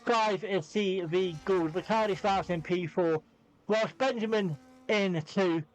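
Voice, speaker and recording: A man calls a live online race, chatting through a headset between grid rundowns and jokes. His voice sits high for a man, and his manner is loose and bantering, quick to laugh with his co-commentator. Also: slight background noise. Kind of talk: live sim racing commentary.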